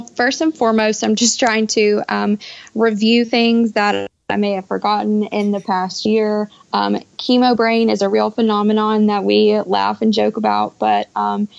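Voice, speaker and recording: A young adult woman, a pharmacist, speaks conversationally as a podcast guest over a Skype call. Her voice has a gravelly fry and fairly even pitch, and the call sounds dull.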